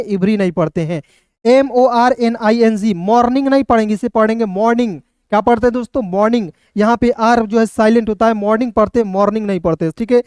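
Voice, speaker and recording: A man teaching an online phonics lesson, breaking words into letters and then sounding them out slowly. His voice is smooth and clear, recorded close and dry with no room sound. He keeps turning to his viewers and checking that they follow. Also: sits high, a little mellow, dry recording. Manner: keeps addressing viewers as friends and checking with "okay". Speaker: English teacher.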